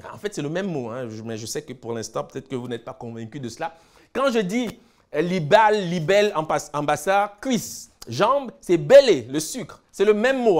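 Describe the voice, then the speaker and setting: Man giving a didactic lecture, fairly high voice. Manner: repeats words while explaining, lists word after word, checks in with "d'accord?". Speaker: lecturer on Egyptian hieroglyphs. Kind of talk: explanatory lecture.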